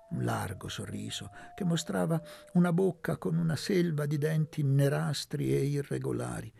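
A man reading a novel aloud as an audiobook narrator, in a measured, steady way. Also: medium pitch, gravelly. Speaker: audiobook reader. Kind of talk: scripted narration.

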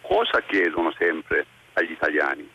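A man's voice: extremely low pitch, expressive, moderate pace, pushed and bright, breathy edge. An older retired man calling in to a radio talk show over the phone, talking indignantly and arguing about politicians. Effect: voice over a phone line into a radio show.

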